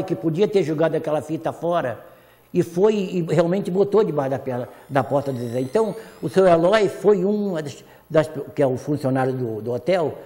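A man on a talk show tells an emotional story and acts out the dialogue. His voice is fairly high but mellow. It carries a long studio reverb with soft guitar behind it. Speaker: songwriter guest.

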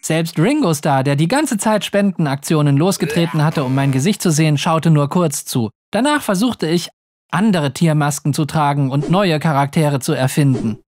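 A narrator reading a scripted first-person story in an expressive way. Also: mid-range voice, moderate pace, no echo.

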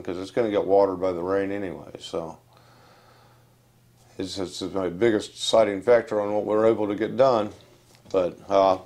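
A low, dark male voice belongs to an older West Virginian channel host giving a casual, meandering update to camera. Recorded on a lapel mic in an indoor room with wooden furniture, he speaks plainly, with many fillers and restarts.

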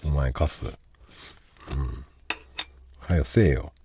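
A man hosting a livestream, reading out a viewer's love troubles and impatiently insulting him to join the call, dropping to mutters and then bursting into shouts. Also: a bass voice, slow, creaky, husky. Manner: brash, insulting, impatient, swinging from mumbles to shouts. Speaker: livestream host giving advice. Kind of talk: livestream chat reading comments.

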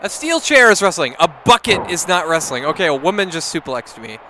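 A drunk man commentating on a wrestling video game, swearing, shouting and laughing at what happens on screen. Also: a little high, very animated, a little fast, a little hiss or hum. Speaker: gameplay commentator. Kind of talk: drunk let's-play commentary. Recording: game music behind the voice. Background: video game music.

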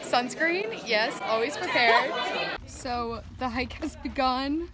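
Brief: upbeat young woman vlogger, slightly high voice, chatter of a crowd around her. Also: lively intonation, takes it slowly. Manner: bubbly, joking, upbeat narration. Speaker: vlog host. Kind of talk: casual group vlog chat.

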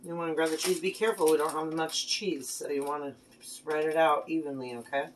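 A woman in her thirties with a low voice chats casually in her home kitchen while cooking with her daughter, praising her often. She speaks a little fast in a steady tone, and her phone camera on the counter picks up a little hiss or hum plus clear clatter of dishes and pans.

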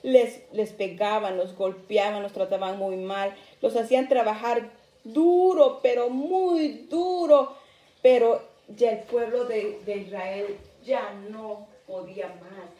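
A woman with a fairly high, mellow voice tells a Bible story to children. She stops often to ask them questions. She sounds far from the mic in an echoey room. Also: takes it slowly.

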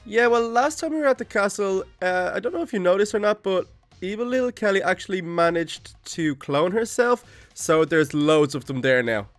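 A man playing a friendly, excitable young turtle teacher in an improvised video game roleplay, chatty and casual. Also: high-pitched, normal speed, no echo, soft background music. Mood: explaining.

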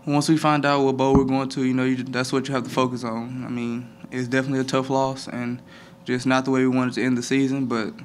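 A young man, a college football player, answering postgame press conference questions at a table microphone, measured and full of "I mean" fillers. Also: mid-range voice, flat delivery, slight background noise. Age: young adult.

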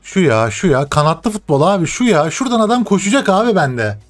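A young man playing a football video game, commenting live, often cursing and yelling at the game. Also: sits high, big pitch swings, brisk, faint music behind. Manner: frustrated swearing, shouts at the game. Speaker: gaming streamer.

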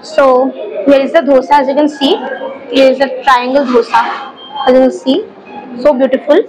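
A woman's voice: sits high, little pitch movement, normal speed, muffled recording. A young woman from India with a Bengali accent, reviewing dishes in a casual food vlog, eager and full of short exclamations as she tastes. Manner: enthusiastic, short exclamations while tasting. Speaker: food vlogger. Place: busy restaurant, indoors. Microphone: clip-on lapel mic. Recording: crowd noise in a busy restaurant. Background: restaurant crowd chatter.

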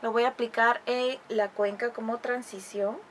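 A woman's voice: fairly high pitch, fairly even intonation, moderate pace, a bit bright, slight background noise. A woman vlogger, chatting through a makeup review and tutorial, fond of diminutives. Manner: chatty, explanatory, uses many diminutives. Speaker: beauty vlogger.

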